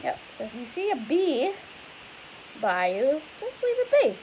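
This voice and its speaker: A young teacher's high, warm voice swoops wildly in pitch as she slowly reads a picture book to children. Chatty and explanatory, she stops often to ask questions. The audio is poor and carries a faint hiss.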